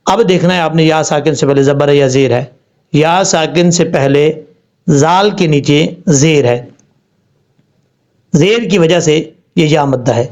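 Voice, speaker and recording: A man teaching Quran recitation rules, explaining step by step and spelling words out slowly. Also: a little high, darkish tone. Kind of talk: tajweed lesson. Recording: dull lo-fi sound.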